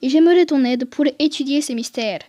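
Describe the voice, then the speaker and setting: A woman voicing a game character who brings quest news, reading its lines in a put-on accent with theatrical, drawn-out delivery. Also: high-pitched, dark tone, no room sound, close to an everyday voice.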